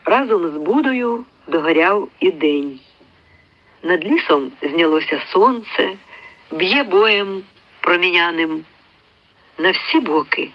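A man's voice: high-pitched, takes it slowly, long pauses, highs cut off. A man reading a literary story aloud as an audiobook, telling it expressively and raising his voice for the characters' lines. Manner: lively storytelling that shifts into raised voices for the characters. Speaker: audiobook reader.

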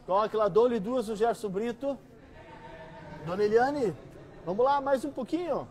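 A middle-aged man with a Brazilian accent working as an auctioneer, coaxing higher bids with repeated calls and pitching items to buyers. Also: expressive, normal speed, a little mellow, soft background music. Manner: repetitive, coaxing bid-calling. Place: large busy antiques store hall, indoors.

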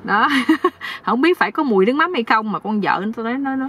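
A woman telling a comic folk tale, lively and speaking straight to her audience. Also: on the high side, moderate pace, husky, recorded from a distance. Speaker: storyteller.

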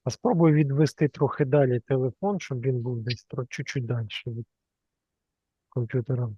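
A man moderating an online class, calmly and patiently explaining the settings and repeating points so that they are clear. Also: mid-range voice, moderate pace, no echo. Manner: calm, patient, repeats himself to make a point. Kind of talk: patient explaining on a video call. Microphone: video call from a computer. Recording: dull lo-fi video call audio.

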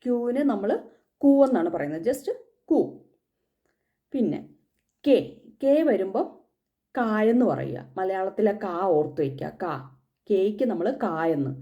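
A woman's voice: mid-range voice, lively intonation, unhurried, pauses often, lo-fi sound. A woman from Kerala teaching the German alphabet in a casual spoken lesson, patiently repeating each letter.

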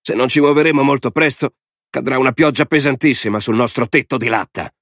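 A man doing a brash, gruff general. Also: sits low, a little fast, a bit bright, no echo, studio quality. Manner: brash, swearing. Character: gruff male air force general, brash.

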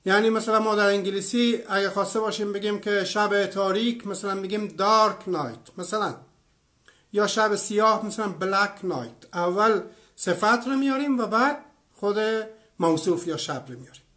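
A man in his fifties from Iran gives an online lecture. He explains at an even pace, offers many examples, and stops to answer comments from viewers. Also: sits high. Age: 50s. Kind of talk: online lecture with live chat.

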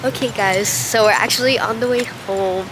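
A young woman vlogging casually with her friends, excitable and teasing, talking into a handheld phone camera at a busy indoor bowling alley. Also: mid-range voice, normal speed. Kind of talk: casual vlog chat. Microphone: handheld phone camera at arm's length. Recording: loud crowd and alley noise.

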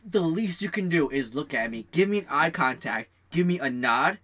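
A young man tells his stories with a bright, forceful voice. He rants at length about his coworkers, jumps up in pitch when excited, and acts out the lines of people in his tales. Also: moderate pace. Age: young adult. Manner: animated storyteller, rants, acts out quotes. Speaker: podcast co-host. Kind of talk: casual chat.

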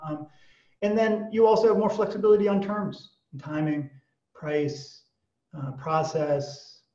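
An American auction executive in his fifties answers interview questions as a podcast guest, often restarting and drifting into asides. His voice is fairly high and a little mellow. He's on a video call using a computer mic in a small plain room, so the sound is distant, boxy, echoey and slightly dull.

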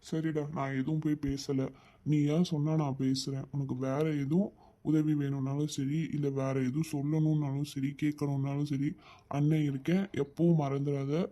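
Cartoon role: a man voicing a gentle older brother, mellow and slightly high, calm and reassuring. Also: normal speed, lightly acted. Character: caring protective older brother, young adult man. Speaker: cartoon character. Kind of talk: cartoon voice acting.

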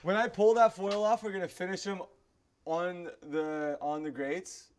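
A man's voice: sits high, steady tone, a little slow, noisy background. A young man co-hosting a cooking show, chatting casually and teasing his brother as he cooks. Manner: teasing, playful.

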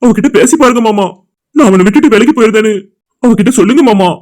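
A man voicing an earnest young cartoon man, high and rapid. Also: a little mellow, lightly acted. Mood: pleading. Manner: earnest, pleading. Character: young man, anxious, devoted loyal friend. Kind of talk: cartoon voice acting.

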